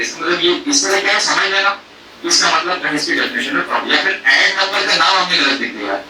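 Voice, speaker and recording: Speaking from far from the mic in a reverberant space with background noise, a man with a voice on the high side lectures about programming errors. He is a professor at a faculty workshop who asks rhetorical questions, leans on homely food analogies, and blends English technical terms into his Hindi.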